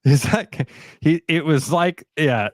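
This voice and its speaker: A man co-hosting a radio show, chatting casually about sports with quick asides and laughs. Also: fairly high pitch, no room sound, studio quality. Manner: animated, quick asides, laughs while talking.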